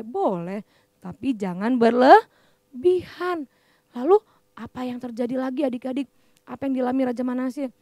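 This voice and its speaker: A young woman, telling a Bible story to children in a lively, chatty way. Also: a little high, dry recording, clean studio sound. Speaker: children's church teacher.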